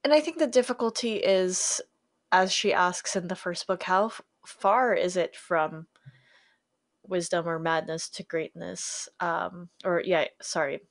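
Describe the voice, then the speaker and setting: A woman co-hosting a fan podcast in casual chat, lively and enthusiastic, often correcting herself. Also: lowish voice, measured pace. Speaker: podcast co-host.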